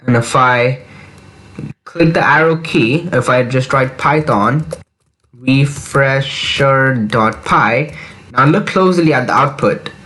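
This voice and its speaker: A man's voice: mid-range voice, fairly bright tone. A young man teaching a beginner programming lesson, walking through each step aloud and repeating that it is simple. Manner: repetitive, reassuring, walks through steps aloud. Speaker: programming tutor. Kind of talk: screen-recorded coding tutorial.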